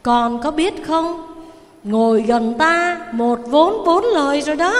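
A woman with a Southern Vietnamese accent voicing a calm, wise old male spiritual master who speaks gently and slowly, in a long reverberant hall. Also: sits high. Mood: reassuring.

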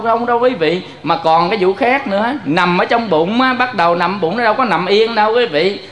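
A man preaching a Buddhist sermon. His voice sits high for a man. He tells vivid stories and keeps calling out questions to his audience. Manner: lively storytelling, addressing listeners directly.

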